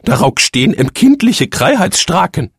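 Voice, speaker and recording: Guy doing a squeaky pushy phoenix queen, husky falsetto, way up high. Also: very animated, normal speed, dry recording, studio quality, heavily acted. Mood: shocked. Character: female phoenix queen, demanding and lustful.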